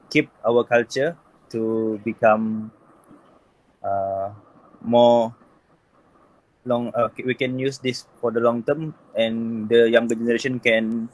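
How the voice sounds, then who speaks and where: A young Malaysian-accented man asks interview questions at a slow pace. He hesitates often, filling gaps with "uh" as he searches for words. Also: mid-range voice, low-quality recording. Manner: hesitant, many fillers. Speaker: student interviewer. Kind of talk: casual student interview.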